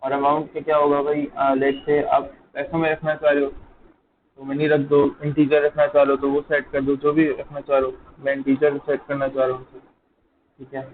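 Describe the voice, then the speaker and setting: A man's voice: a little high, monotone, normal speed. A man teaching a live online coding lecture, talking while he types and checking in with students. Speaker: programming teacher. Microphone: close mic, dull over an online call. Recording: tinny call audio, faint noise.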